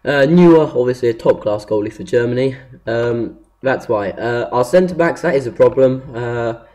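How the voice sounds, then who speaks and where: Man, soft-edged mellow voice, casual video commentary, hesitant, rambling, unscripted. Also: medium pitch, expressive, moderate pace, slight background noise. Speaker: gaming video host.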